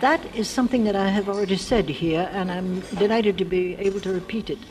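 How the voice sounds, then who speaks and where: A very old woman from the United States speaking in a reflective literary interview, halting and sometimes losing her thread. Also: mid-range voice, over music. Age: elderly, very old. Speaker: interviewee, friend of the writer discussed. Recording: clearly noisy archive interview recording.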